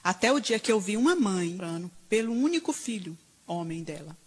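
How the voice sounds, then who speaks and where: A woman preacher, delivering a sermon in animated storytelling style and acting out the people she quotes. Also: mid-range voice, a little fast, breathy edge. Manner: animated storytelling, quoting others in dialogue. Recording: reverberant hall.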